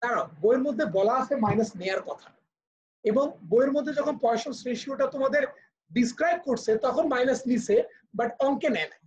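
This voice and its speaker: A man's voice: extremely high pitch, a little fast, darkish tone. A man with a Bangladeshi accent teaching physics in a live online class, explaining step by step and patiently. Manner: patient, explaining step by step, switching to English for terms. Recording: muffled lo-fi video call audio.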